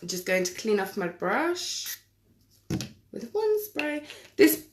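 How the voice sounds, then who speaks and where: A woman chatting casually through a live makeup tutorial, self-deprecating and quick to laugh. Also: on the high side, big pitch swings, a little hiss or hum. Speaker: makeup vlogger.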